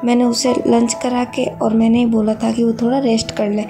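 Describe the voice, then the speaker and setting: A woman voicing a quiet, gentle young man in a read-aloud story, soft and reserved. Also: on the high side, flat delivery, moderate pace, noisy background, close to an everyday voice. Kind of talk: reading a fan fiction story aloud.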